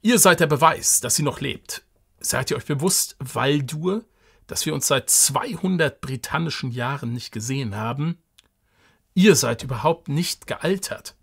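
Ein Mann, der einen überglücklichen Gefährten mittleren Alters mit altertümlich förmlicher Sprache spricht, laut und aufgeregt. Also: male voice, mid-range voice, a little slow, gravelly, breathy edge, heavily acted. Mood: overjoyed. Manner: excited, loud, old-fashioned formal address. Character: overjoyed middle-aged man, old loyal companion, archaic speech.

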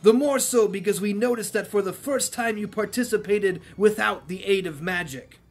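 A man's voice: high-pitched, normal speed, soft background music, voice pushed up. A man voicing a sly aged male sorcerer who hosts a martial arts tournament, in a stiff, put-on delivery. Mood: smug. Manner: stiff, imitating a game character's delivery.

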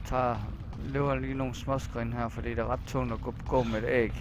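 A Danish-accented man commenting on his own gameplay, muttering anxiously to himself and now and then breaking into loud yelling. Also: mid-range voice, flat delivery, noisy background. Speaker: gaming channel host.

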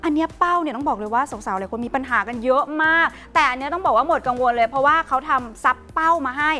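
A woman giving a fast, hype live home-shopping pitch in a polite, emphatic, persuasive way. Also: expressive, sharp tone, soft background music.

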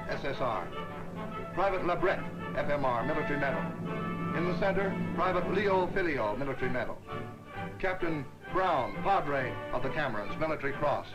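A man's voice: a little high, rough recording. 1940s newsreel narrator, man, over music. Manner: brisk, ceremonial announcing of names and honours. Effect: old 1940s newsreel sound.

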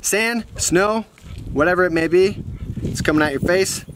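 Here the young man's voice is high-pitched and his pace moderate as he chats easily and slangily for his vlog show. The handheld camera, held at arm's length in a dirt yard by the garages, picks up noisy outdoor audio with vehicles in the background.

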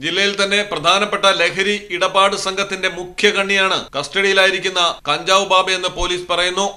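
A man reading a scripted news report as a voice-over in a steady, formal way. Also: high-pitched.

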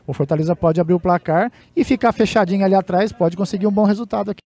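A man's voice: high voice, quick pace, dark tone. A man with a Brazilian accent giving analysis during live football commentary. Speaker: match analyst.

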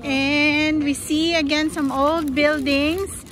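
A Filipino woman in her thirties vlogs while walking through old town streets with her daughter, outdoors by night and day, filming on a handheld phone. Her voice sits high and fairly bright, with a level tone and slow pace, and she chats away in English mixed with Tagalog. Music plays in the background.

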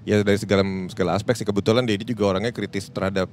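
Fast-talking man with Jakarta slang. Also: fairly low pitch, slight background noise. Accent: Jakarta Indonesian. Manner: fast, animated, mixes in English phrases. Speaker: podcast co-creator guest. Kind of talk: casual panel talk.

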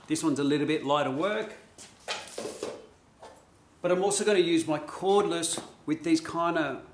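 A man's voice: a little high, roomy sound, slight background noise. A middle-aged Australian man hosting a casual DIY vlog from his home garage, laid-back and chatty with plenty of ums. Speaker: host.

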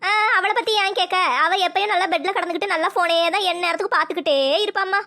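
A woman's voice: very high voice, fairly even intonation, fast talker, gravelly, bright, forceful tone, full character voice. Nagging old cartoon mother-in-law. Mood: complaining. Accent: southern Tamil Nadu. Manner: scolding, complaining.

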